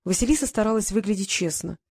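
A woman narrating a novel in an even, measured storytelling manner. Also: mid-range voice, breathy edge, dry recording, clean studio sound. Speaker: audiobook narrator.

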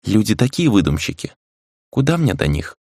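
Brief: indifferent otherworldly spirit, man reading, low voice, close and dry. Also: big pitch swings, moderate pace, darkish tone, no echo. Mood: detached. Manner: cool, indifferent, musing. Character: detached ancient spirit speaking through a girl.

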